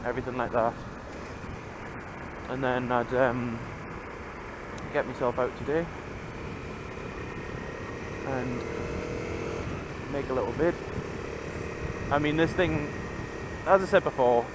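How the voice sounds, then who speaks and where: Man chatting inside a helmet, loud road noise. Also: mid-range voice. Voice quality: muffled, enclosed sound of speaking inside a helmet. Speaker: motorcycle vlogger. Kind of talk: casual chat while riding. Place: outdoors on a moving motorbike, inside a helmet. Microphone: microphone inside a helmet.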